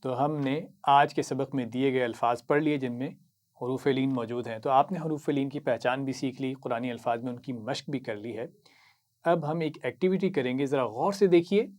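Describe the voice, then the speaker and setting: A man with an Urdu accent teaching Quran reading, patiently explaining each word, reciting it slowly and praising the learner. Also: medium pitch, darkish tone. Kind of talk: slow instructional lesson.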